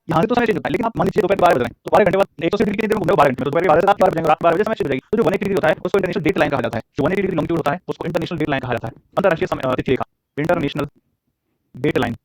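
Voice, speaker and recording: A man's voice: high voice, no echo, low-quality recording. A man teaching a geography lesson. He keeps asking his listeners questions, repeats each answer so they can write it down, and drags out English question phrases. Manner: repeats answers for note-taking.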